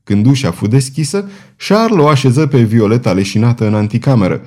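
A male audiobook narrator with a warm, mellow tone. He reads a novel in a measured, dramatic way at a middle pitch. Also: expressive. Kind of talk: scripted narration.

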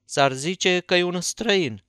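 Un bărbat care imită o mătușă de la țară, agitată și primitoare, care insistă cu căldură. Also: male voice, high-pitched, fairly bright tone, clear, resonant tone, no echo, clean studio sound, pitched above the performer's own voice. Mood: eager. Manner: eager, insistent. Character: bustling, hospitable middle-aged aunt.

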